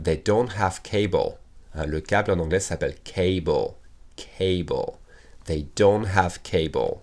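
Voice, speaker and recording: Deep-voiced French teacher drilling English. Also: male voice. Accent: American English when speaking English. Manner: slow deliberate English examples, quick French explanations. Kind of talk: online language lesson.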